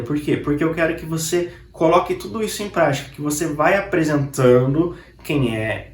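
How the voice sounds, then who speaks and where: A man teaching a casual online language lesson, chatty and friendly, slowing down to repeat words for the viewer to copy. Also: a little high. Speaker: French teacher. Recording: echoey room.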